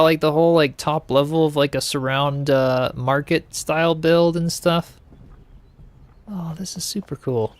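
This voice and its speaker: A man's voice: fairly high pitch, creaky. A man streaming a game live, chatting in an upbeat way with plenty of laughs and filler words. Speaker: game streamer reacting to builds. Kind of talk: casual live-stream commentary.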